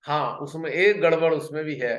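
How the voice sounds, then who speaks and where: A man giving a spiritual talk on a video call, earnest and pausing, often repeating a phrase before going on. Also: fairly high pitch, echoey room. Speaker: spiritual workshop speaker.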